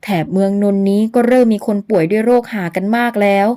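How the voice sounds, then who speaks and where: An earnest, worried young male herbal doctor in an audio novel speaks in a measured, gently pleading way, voiced by a woman narrator. His voice is mellow and warm. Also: mid-range voice, steady tone, natural voice.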